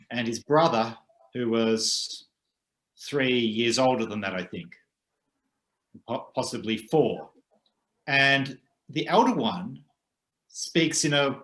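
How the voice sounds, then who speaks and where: A man co-hosting a casual chat, speaking thoughtfully with frequent hesitant pauses. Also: mid-range voice, fairly bright tone. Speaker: co-host. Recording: roomy echo.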